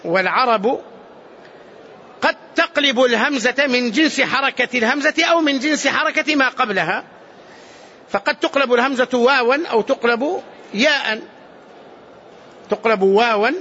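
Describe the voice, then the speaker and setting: A man's voice: extremely high pitch, a little fast, bright, forceful tone, lo-fi sound. A sheikh giving a lecture on hadith in a mosque, explaining points patiently, repeating key phrases and checking that his listeners follow. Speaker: sheikh teaching hadith commentary.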